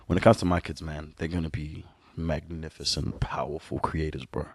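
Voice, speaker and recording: At a moderate pace and in clean studio sound with no room noise, a low-voiced, gravelly man speaks candidly and laughs frequently. Originally from Sudan, raised in New Zealand, and a native speaker of an Ethiopian language, he's a relaxed musician guest in a casual podcast conversation.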